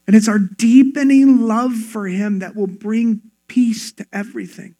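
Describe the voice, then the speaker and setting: Earnest, high-voiced male pastor. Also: steady tone, unhurried, warm tone. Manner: earnest, conversational, repeats words when starting phrases. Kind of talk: sermon.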